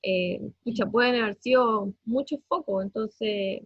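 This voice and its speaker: In a close, dry recording with no echo and muffled highs, a Chilean woman in her thirties gives a parent's testimony of her family's ordeal. Her husky, slightly breathy, higher-pitched voice carries a Chilean Spanish accent, and her delivery is halting, riddled with fillers, repetitions and hesitations, breaking with distress as she speaks emotionally.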